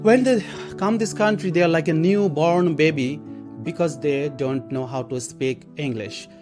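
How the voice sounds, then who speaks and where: A man from Bangladesh speaks earnestly in an interview segment, his voice a little higher than most men's. He explains slowly and picks up his phrases again after pauses. Guitar music plays clearly behind him. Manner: earnest, explanatory, with halting restarts. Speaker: literacy program worker.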